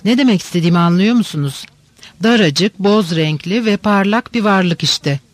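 A man reading the part of a lively, stubborn teenage girl in an audiobook, teasing and insistent. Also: high voice, normal speed, dry recording, natural voice. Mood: eager.

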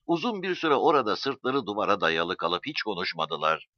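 A man narrating a story as an audiobook reader, in an expressive storytelling manner. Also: fairly low pitch, normal speed, no room sound. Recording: dull dry recording.

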